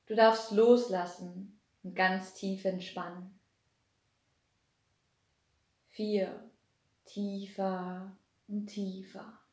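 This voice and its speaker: A woman leads a guided meditation in a slow, unhurried voice, her pitch sitting in a middle range. Her delivery is soothing and repetitive, drawing each phrase out gently. The recording has a noticeably echoey, roomy sound.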